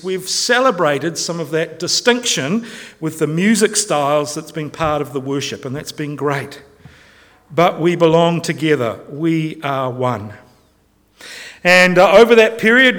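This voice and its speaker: A man's voice: a little high, fairly bright tone. A male pastor, giving an informal, joking sermon in a church. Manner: chatty, joking, self-interrupting. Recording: long church reverb.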